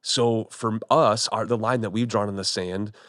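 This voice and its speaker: Low-voiced pastor chatting on a podcast. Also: male voice, fairly even intonation, normal speed, fairly bright tone, dry recording, studio quality. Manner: conversational, repeats words as he thinks. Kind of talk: casual podcast conversation. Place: studio room with podcast team.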